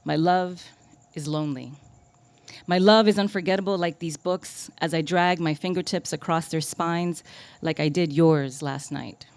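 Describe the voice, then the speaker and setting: A woman poet reads her work at a coffee shop poetry night, her voice sitting a little low. She takes the lines with deliberate, measured care. Between pieces she turns chatty and makes fun of herself. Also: fairly even intonation, darkish tone, smooth, dry recording. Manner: deliberate, measured delivery of poems, chatty and self-deprecating between them. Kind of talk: live poetry reading with casual asides. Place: coffee shop reading event.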